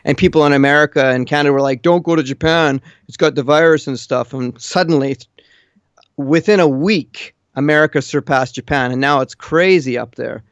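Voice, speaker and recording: Over a muffled, lo-fi internet call, a man based in Japan talks casually and gives his opinions bluntly and matter-of-factly. He speaks at a normal speed in a slightly high, clean-toned voice without echo.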